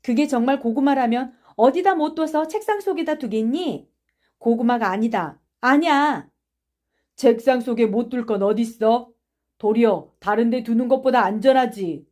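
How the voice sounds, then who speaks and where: A woman's voice: a little high, normal speed, dark tone, pitched above the performer's own voice, natural voice. A woman voicing a stern, upright schoolboy who makes commanding demands in an audiobook reading.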